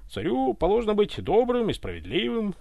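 A man narrating a humorous story in an expressive, wry manner for an audiobook. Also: sits high, fairly quick, creaky, no room sound, clean studio sound.

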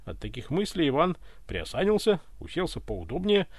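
A man narrating a humorous story in an expressive, wry manner for an audiobook. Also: a little high, normal speed, breathy edge, dry recording.

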